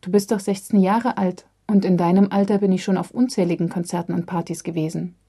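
Calm woman reading a story aloud. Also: lowish voice, fairly quick, breathy edge. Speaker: narrator. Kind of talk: audiobook reading.

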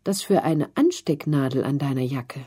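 A woman's voice: rumbling low, moderate pace, dark tone, breathy edge. A woman reading the part of a curious, friendly young boy in a storybook. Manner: eager questioning.

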